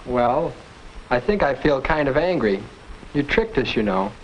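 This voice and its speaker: A man's voice: mid-range voice, big pitch swings, a little slow. An actor playing a blunt young male student in a 1950s educational film, talking matter-of-factly. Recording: muffled old film soundtrack with hiss.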